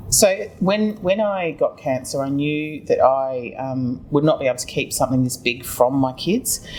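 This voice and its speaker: A middle-aged Australian woman from Tasmania talks through her own experience as an interview guest. She explains in halting phrases, often rewording as she goes. There is faint ambient noise behind her voice. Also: low-pitched, darkish tone, low-quality recording. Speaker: interview guest, children's book author. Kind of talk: conversational personal account in an interview.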